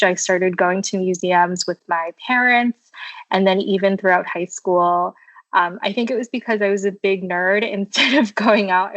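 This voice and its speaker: A woman in her thirties from the Washington, D.C. area, telling her story as a podcast guest at home, thoughtful and casual with frequent ums and soft laughs. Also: mid-range voice, no echo, rough recording. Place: her childhood bedroom at home.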